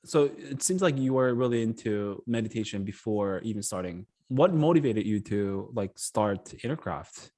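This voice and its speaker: A man's voice: on the low side, lively intonation, moderate pace, hardly any pauses, a little mellow. A man hosting an interview, asking friendly questions padded with fillers. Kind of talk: casual interview.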